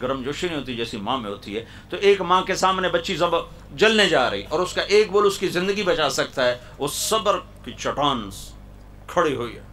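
A male preacher telling a story in a sermon at a university hall, dramatic, swinging between loud cries and hushed tones. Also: fairly high pitch, a little hiss or hum.

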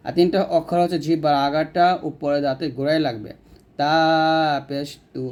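A man gives a patient recitation lesson, explaining each sound and then drawing out the practice syllables very slowly. His voice sits a little high for a man. It has a mellow, dark tone. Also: steady tone. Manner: slowly drawn-out demonstration syllables between explanations. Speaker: Quran recitation teacher. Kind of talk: step-by-step pronunciation lesson.

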